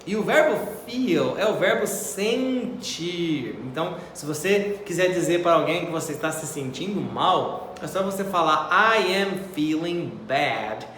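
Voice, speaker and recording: A male English teacher with a Brazilian Portuguese accent, giving a chatty, encouraging video lesson and slowing down to model pronunciation. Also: sits high, animated, a bit bright. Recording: echoey room with faint noise.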